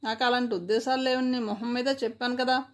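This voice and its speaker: A woman's voice: fairly high pitch, fairly even intonation, fast talker, natural voice. Storybook reading: a woman voicing a harsh, furious young man. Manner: shouting insults, harsh.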